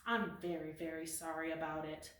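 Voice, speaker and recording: A woman's voice: low voice, steady tone, normal speed, a bit bright, slight background noise, pitched below the performer's own voice. A woman voicing an earnest, serious eldest kitten. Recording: roomy echo, mic at a distance.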